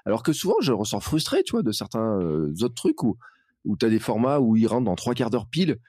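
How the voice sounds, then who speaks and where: A man chatting on a podcast in a lively, familiar way. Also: mid-range voice, fairly quick, no echo, clean studio sound. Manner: chatty, lively, many "tu vois". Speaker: podcast host. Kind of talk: casual podcast conversation.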